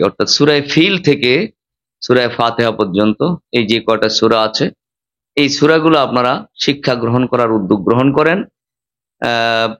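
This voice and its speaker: A man's voice: medium pitch, fairly bright tone, lo-fi sound. Teacherly preacher man. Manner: teacherly, demonstrates Arabic pronunciation, emphatic rises and drops. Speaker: Islamic preacher. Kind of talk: sermon.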